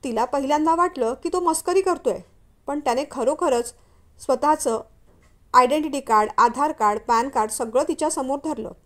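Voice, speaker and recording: A woman reads a story aloud in a high voice. Her telling is smooth and steady, scripted narration. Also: moderate pace.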